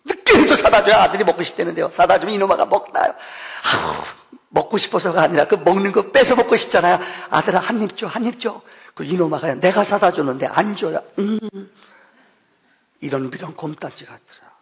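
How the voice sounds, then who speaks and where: Animated man preaching in a reverberant church. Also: high-pitched, a little fast, creaky. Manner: lively storytelling with sudden loud and soft swings; acts out quoted voices of his son. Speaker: pastor. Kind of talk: Thanksgiving sermon. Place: church sanctuary. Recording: long hall reverb.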